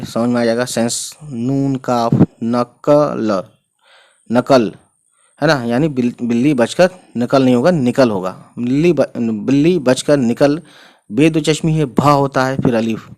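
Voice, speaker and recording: A man teaching a beginners' reading lesson, spelling out letters one by one and reading each word slowly, often checking in with the viewer. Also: mid-range voice, a little mellow. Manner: patient, checks in with "है ना" and "ठीक है". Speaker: Urdu teacher.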